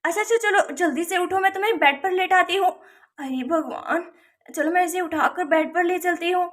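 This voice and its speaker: A woman voicing a kind village neighbor woman in a doll storybook, talking briskly and urgently. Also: extremely high pitch, a bit bright. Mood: caring.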